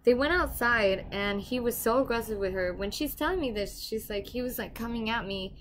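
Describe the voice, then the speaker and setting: A young woman casually telling a dramatic personal story to the camera, animated and given to swearing. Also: fairly high pitch, moderate pace, slight background noise. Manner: animated, swings loud and quiet, swears casually. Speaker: property manager telling a story.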